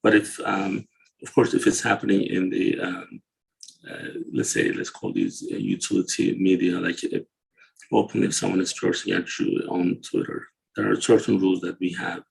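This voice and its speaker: A man from Turkey talking through current events in a casual discussion, halting and searching for words with many fillers. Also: low-pitched, lively intonation, creaky, breathy edge, poor audio. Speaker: show host.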